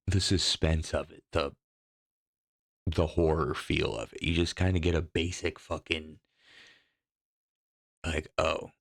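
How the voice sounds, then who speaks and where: A man's voice: rumbling low, dry recording, studio quality. A man hosting a casual horror talk show, ranting in a profane, rambling, exasperated way. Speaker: podcast host.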